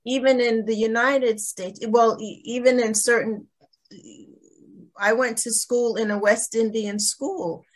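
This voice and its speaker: A woman's voice: fairly high pitch, steady tone, unhurried. Chatty woman hosting a video-call talk. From Trinidad, raised in Brooklyn. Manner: chatty, restarting sentences, you know. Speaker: host of gallery talk. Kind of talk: online gallery talk moderation.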